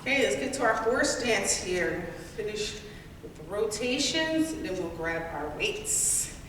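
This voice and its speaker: A woman's voice: mid-range voice, expressive, measured pace. A woman leading a workout class, counting down and giving cues in an encouraging, playful way. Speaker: group fitness instructor. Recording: echoey hall, distant mic, faint noise.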